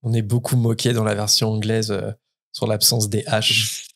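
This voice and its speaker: A man's voice: on the low side, flat delivery, moderate pace, creaky, a bit bright. A French man hosting a casual podcast, enthusiastic and hesitant with frequent fillers. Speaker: podcast host. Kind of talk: casual chat about book translation.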